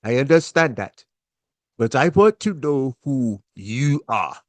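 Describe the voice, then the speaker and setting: A man voicing a stern, strict older father with an African accent, talking in a formal, demanding, measured way. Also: mid-range voice, lively intonation, no echo.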